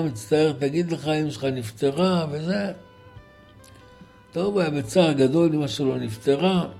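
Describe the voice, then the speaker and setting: A man telling a religious story as a sermon, dramatic, acting out the characters' shouts. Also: on the high side, vocal fry. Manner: dramatic, acts out voices and shouts.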